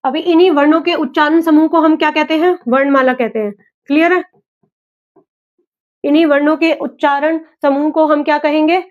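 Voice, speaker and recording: The recording cuts off the highs as a high-pitched woman speaks at a moderate pace with fairly even intonation. Teaching exam prep, she asks a question, answers it on her own, and repeats it, drilling the material.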